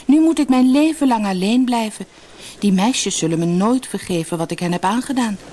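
Woman reads a haughty young beauty, pitched high, swinging between pride and pleading. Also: big pitch swings, moderate pace, darkish tone, breathy edge. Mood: despairing. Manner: haughty, then pleading and desperate.

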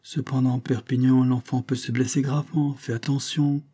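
A man's voice: mid-range voice, flat delivery, moderate pace, dark tone, breathy edge, voice pushed up, close to an everyday voice. A man voicing a worried fairground woman who pleads cautiously for a child's safety.

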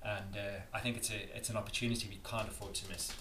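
In an echoey room with faint background noise, a South African man answers as an interviewee and campaigner. He is earnest and emphatic and keeps restarting sentences. His fairly low voice barely moves in pitch and comes out fast, pushed and bright.

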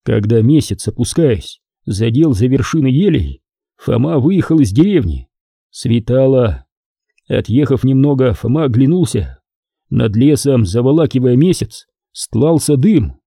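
A man narrating a novel in steady, measured audiobook style. His voice is very dark and mellow, with lively pitch movement. The recording is close and dry. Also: vocal fry, dry recording.

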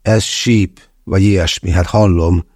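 A man's voice: deep voice, steady tone, darkish tone, no echo, studio quality. A man voicing a coarse, skeptical man who grumbles curtly, in an audiobook. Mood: gruff. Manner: grumbling, curt.

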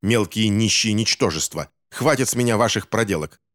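A smug, scheming gentleman villain sneers his way through every line, contempt in each word. His voice sits a touch raised and lively, put on by a man reading a storybook aloud. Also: lowish voice, moderate pace, dry recording, clean studio sound. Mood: snarling.

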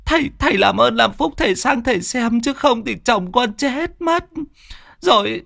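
A man voicing a loud, frantic village woman in her fifties, pleading and sobbing for help. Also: extremely high pitch, lively intonation, normal speed, vocal fry, pitched above the performer's own voice, exaggerated voice. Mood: pleading wail. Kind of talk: storytelling voice acting.

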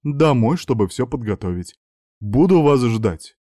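A man's voice: mid-range voice, expressive, measured pace, mellow, dry recording, clean studio sound, natural voice. A man voicing a bossy, teasing young woman student in a read-aloud story, with a pushy, mocking manner.

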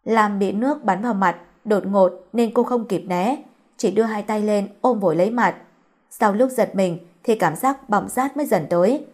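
Brief: female audiobook narrator, even, plain storytelling read. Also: medium pitch, normal speed.

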